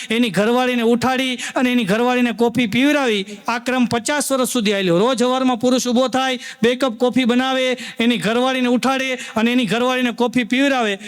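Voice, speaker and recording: A man performs live stand-up. His voice sits very high, and he tells homely stories, slipping into the voices of the old people in them. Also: clear, resonant tone. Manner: folksy storyteller addressing the audience as sir, acting out old folks. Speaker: stand-up comedian.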